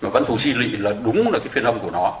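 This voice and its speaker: A man's voice: mid-range voice, big pitch swings, fast talker. A man giving a chatty, explanatory Buddhist sutra lecture to a congregation, with small laughs now and then. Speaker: Buddhist dharma teacher. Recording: echoey room.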